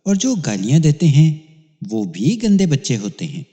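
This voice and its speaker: A man's voice: a little high, wildly swooping pitch, warm tone, in a large hall, pitched above the performer's own voice. A man voicing an innocent, earnest eight-year-old boy with a raised, eager voice in a read-aloud crime story. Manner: eager, naive replies.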